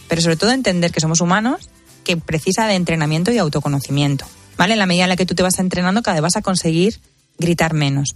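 A woman's voice: on the low side, no echo. A woman talks animatedly about raising children and acts out the voices of the people she quotes. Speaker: parenting guest expert. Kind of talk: casual chat.

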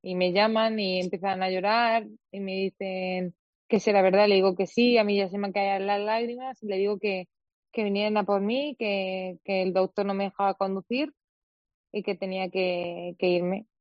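A woman's voice: medium pitch, steady tone, moderate pace, dry recording, highs cut off. A young woman from Spain, a guest in an interview, recounting a difficult personal experience with many quoted dialogues and restarts. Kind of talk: emotional personal account in an interview.

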